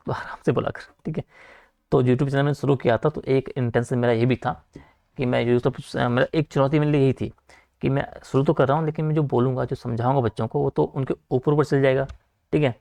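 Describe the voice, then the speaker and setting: Warm yet gravelly, the mid-range voice of a young coaching teacher from Uttarakhand, India, keeps a steady tone. He races through an online lecture with casual asides to students, frequently using fillers such as "theek hai" and "aapka."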